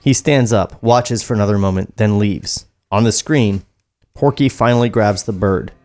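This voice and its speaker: Speaking at a moderate pace in a lowish, darkish voice, a male podcast host narrates a script, reading its stage directions into a studio mic. Soft background music accompanies him.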